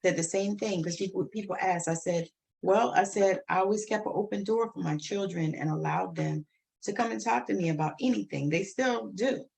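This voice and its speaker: Middle-aged woman, mid pitch, blunt and emphatic co-host on a casual podcast. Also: moderate pace, vocal fry, darkish tone.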